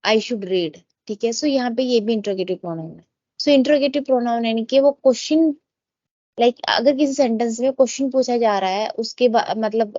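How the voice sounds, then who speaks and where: Woman teaching grammar, slow and mellow, reads examples out carefully, bit muffled dry sound. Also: on the high side, dry recording. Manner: explains in Hindi, reads English examples slowly. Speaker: English teacher. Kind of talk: grammar lesson.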